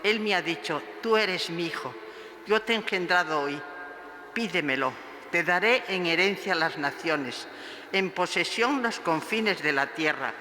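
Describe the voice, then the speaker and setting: A man reading scripture and a psalm in a measured, declaiming way, his voice ringing with cathedral echo. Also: high voice, expressive, bright, forceful tone. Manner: measured, declaiming each phrase. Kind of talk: slow solemn liturgical reading. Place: large church. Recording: echoey church with long reverb, faint hiss.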